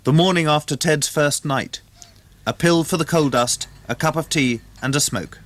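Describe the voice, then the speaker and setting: A man narrating a documentary in a measured, matter-of-fact way. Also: on the high side, a bit bright. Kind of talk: scripted narration.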